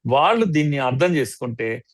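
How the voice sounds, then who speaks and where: A man's voice: medium pitch, expressive, a little fast, no echo. A man with a Telugu accent, a guest commentator in a studio interview, speaking in an emphatic, lecturing way.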